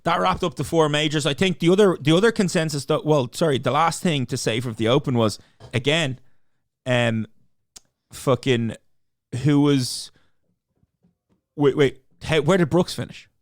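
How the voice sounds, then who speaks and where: An Irish man co-hosting a podcast in casual golf chat, animated, swearing freely and often restarting his sentences. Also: a little high, normal speed, pauses often, no room sound, studio quality. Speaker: podcast co-host.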